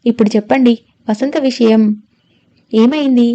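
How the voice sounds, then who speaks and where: A woman reading the part of a calm male lawyer who soothes and reasons gently in a storybook reading. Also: a little high, moderate pace, no room sound, muffled recording, lightly acted.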